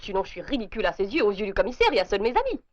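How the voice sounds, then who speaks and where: Une actrice jouant une femme mariée intrigante et audacieuse, au ton vif et théâtral, dans un vieux film. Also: female voice, mid-range voice, huge pitch swings. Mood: scheming. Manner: brisk, commanding, theatrical. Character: scheming bold married Parisian woman. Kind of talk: 1930s French film acting. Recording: dull lo-fi old film soundtrack.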